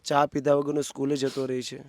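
A man interviewing a family for a charity, asking gentle and consoling questions. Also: mid-range voice, completely flat delivery, brisk.

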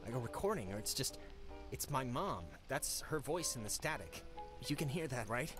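A man voicing an anxious teenage boy in a video game, talking casually and haltingly in a naturalistic style. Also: mid-range voice, expressive, lightly acted. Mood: anxious, pleading. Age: young adult. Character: anxious teenage boy, joking, pleading, hesitant. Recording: music under the voice.

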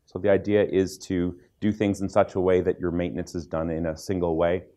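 A man with a fairly low voice leads a technical seminar. He explains things patiently, with lots of "uh"s, restarts and asides checking in with the room. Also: little pitch movement, brisk, warm tone. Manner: explanatory, many fillers and restarts, asides to the audience. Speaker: seminar instructor. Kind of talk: technical conference lecture.

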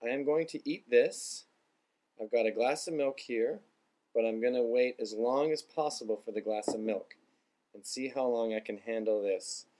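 A man's voice: medium pitch, normal speed, dark tone. A man in his thirties explaining things casually to the camera as a vlogger. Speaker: vlogger introducing a taste test. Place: small indoor room lined with bookshelves.

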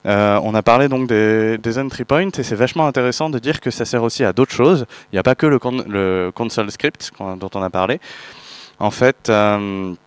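A man's voice: on the low side, moderate pace, smooth, dry recording. A man from France giving a technical conference talk, hesitant, with many fillers and restarts. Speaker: conference speaker.

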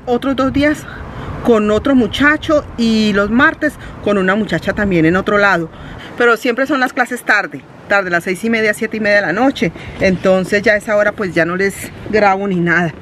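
A woman's voice: mid-range voice, a little slow, a bit bright, a little hiss or hum. Chatty woman vlogging from her car. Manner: chatty, loose and rambling, with fillers. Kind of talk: casual vlog chat. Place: parked car. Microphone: phone at arm's length.

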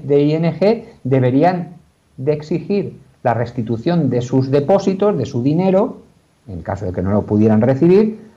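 A man talks his office, explaining a legal question patiently with frequent fillers and restarts. His voice is mellow and dark. The sound comes through a dull, lo-fi video call. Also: medium pitch. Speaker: lawyer.

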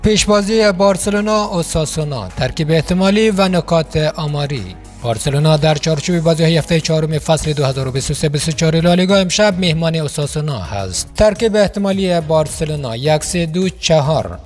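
A man's voice: fairly high pitch, faint music behind. A man narrating scripted football news in a formal newsreader manner, as a studio voice-over.

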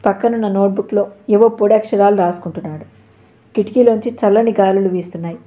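Female narrator for an audio novel, mellow tone, voices every character herself. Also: mid-range voice.

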